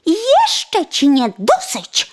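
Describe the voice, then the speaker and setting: A relentless little male sparrow, put on by a woman reading a fairy tale, cries out his threats in a shrill, high voice. The pitch leaps and swoops widely. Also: sing-song, extremely slow, a bit bright, heavily acted. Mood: taunting.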